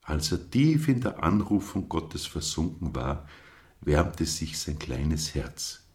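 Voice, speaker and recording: Very deep, slow male storyteller. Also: very animated, a little mellow. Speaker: narrator. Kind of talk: storybook reading.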